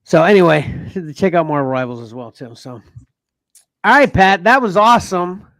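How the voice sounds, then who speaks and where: Chatty man hosting, higher voice. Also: animated, normal speed, a bit bright, dry recording. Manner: rambling, restarts, laughs often. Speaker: podcast host. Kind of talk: casual chat.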